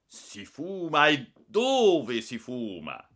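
A man voicing an irate older male school director with a grey mustache, thundering and shouting orders. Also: fairly high pitch, wildly swooping pitch, drawn-out words, voice pushed up, full character voice. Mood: furious shouting.

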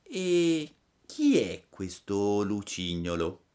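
A man voicing a wise, gentle female marmot who speaks slowly and softly. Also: huge pitch swings, clean tone, full character voice. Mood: gently scolding. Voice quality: soft, slow and low.

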